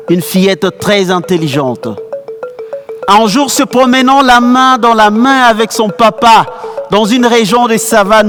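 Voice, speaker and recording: Male storyteller, stage show, lyrical, sing-song, high voice, music behind. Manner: lyrical, half-sung, dramatic. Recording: background music.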